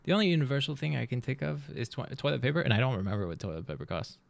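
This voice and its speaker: A man in his thirties chatting casually on a live stream, rambling and joking as he reacts to a video, his voice swinging between loud and soft. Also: medium pitch, big pitch swings, very fast, gravelly.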